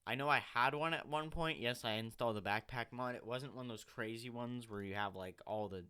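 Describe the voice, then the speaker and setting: A man's voice: medium pitch, brisk, bright, forceful tone, clear, resonant tone. A man giving casual, rambling voiceover commentary on his own gameplay, often correcting himself as he goes. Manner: rambling, self-correcting, chatty. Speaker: gaming channel host.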